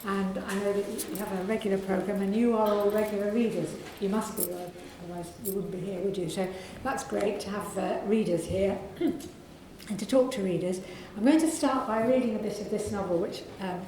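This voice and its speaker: An English author reads aloud from her own novel at a library event, measured and unhurried, now and then clearing her throat. Her mid-range voice is soft and croaky with a mellow, dark tone. The library room is very echoey, with faint background noise.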